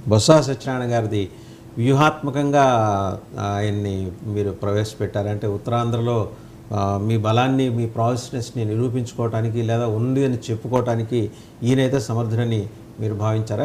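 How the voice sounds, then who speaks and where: A man's voice: mid-range voice, warm tone, slight background noise. A man anchoring a live TV panel debate, putting pointed, rising questions to his guests. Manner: questioning, rising emphatic queries.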